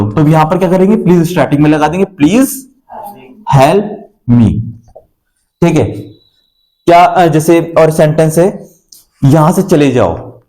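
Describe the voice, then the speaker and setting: A man's voice: mid-range voice, warm tone, roomy sound, rough recording. A male teacher, a Hindi speaker, giving a classroom English grammar lesson and patiently repeating example sentences.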